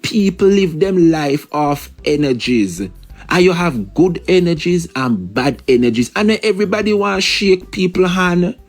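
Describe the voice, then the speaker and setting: A man's voice: sits high, expressive, a little slow, faint music behind. A man with a Jamaican accent giving casual political commentary, emphatic and repetitive, slipping into patois.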